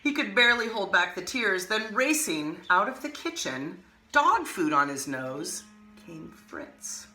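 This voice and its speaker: A woman hosting an art lesson, reading a picture book aloud with expressive, animated storytelling and casual asides. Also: medium pitch, measured pace, reverberant, faint music behind. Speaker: art teacher and host.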